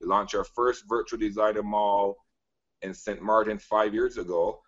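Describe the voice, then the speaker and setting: A man from Barbados with a fairly low voice delivers an eager, emphatic sales pitch. He leans on repeated phrases and lots of fillers. The audio is dull and lo-fi. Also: steady tone, normal speed. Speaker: guest business presenter.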